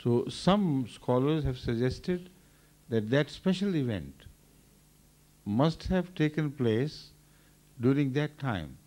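An older man, a religious leader, giving a measured, thoughtful explanation at a microphone during a question session. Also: medium pitch, big pitch swings, mellow. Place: large indoor hall. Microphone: standing microphone.

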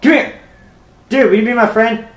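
A man's voice: very high voice, fairly even intonation, normal speed, reverberant, low-quality recording. A young man joking around while playing a video game, silly and playful. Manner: goofy, playful, bursts of shouting. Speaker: gamer.

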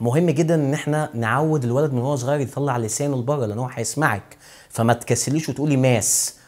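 Fast-talking Egyptian English teacher, man. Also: mid-range voice, a little mellow. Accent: Egyptian Arabic. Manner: chatty, repeats words slowly for pronunciation. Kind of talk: casual explanatory lesson.

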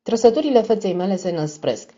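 A woman narrating a crime novel audiobook in a measured, expressive reading. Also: medium pitch. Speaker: audiobook reader. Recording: dull lo-fi recording.

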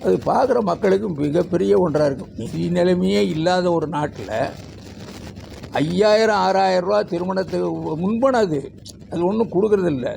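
A man's voice: high-pitched, moderate pace, creaky, dark tone, slight background noise. A man speaking as a teachers' union leader at a press conference, emphatic as he lists figures and demands.

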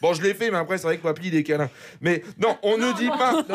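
A man's voice: high voice, lively intonation, moderate pace, crowd noise. A man delivering a cheeky comic monologue as a radio columnist in a studio, chuckling at his own jokes. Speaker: comedy columnist.

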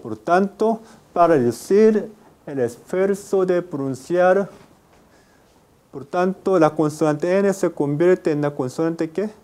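A man's voice: high-pitched, slow pace, darkish tone. A man teaching Spanish phonetics in a university class. He repeats example words and quizzes his students. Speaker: university Spanish phonology lecturer. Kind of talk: classroom lecture with questions to students. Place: university lecture room.

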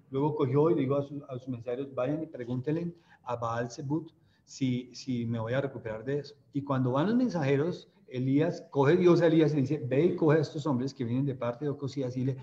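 A man's voice: mid-range voice, dark tone, dull audio, slight background noise. A man with a Colombian accent leading a youth Bible study, reading scripture aloud and explaining it in a conversational, questioning way. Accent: Colombian Spanish. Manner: conversational teacher who checks in with listeners; mimics laughter when retelling stories.

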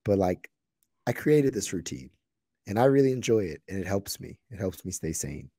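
A man in his thirties, a podcast co-host whose voice is raspy and hoarse as he recovers from losing it, chatting casually and reflectively. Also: low voice, moderate pace, dry recording, clean studio sound. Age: 30s. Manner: relaxed, reflective, talks in run-on thoughts.

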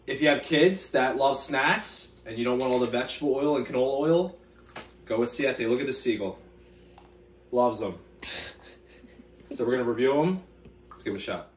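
A man's voice: medium pitch, normal speed, pauses often. A man in his thirties giving a casual review to camera in short, punchy phrases, recorded in a home kitchen on a phone a few steps away. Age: 30s. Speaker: food reviewer. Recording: roomy, distant mic, faint background noise.

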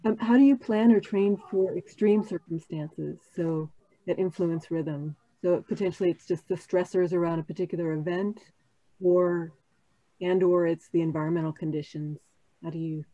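A woman's voice: fairly low pitch, fairly even intonation, normal speed, warm tone, no room sound, lo-fi sound. A woman moderating a panel on a video call, asking questions in a polite, tentative way. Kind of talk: casual panel discussion.

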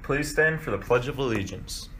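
A man's voice: medium pitch, lively intonation, normal speed, a bit bright, slight background noise. A young man from the United States reading scripted morning announcements in a school intercom manner.

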